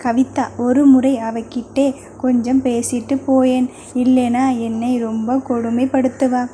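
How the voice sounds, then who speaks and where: A woman's voice: a little high, flat delivery, unhurried, warm tone, a little hiss or hum, natural voice. A woman reading as a teasing younger sister. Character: playful affectionate younger sister. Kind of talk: audio novel reading.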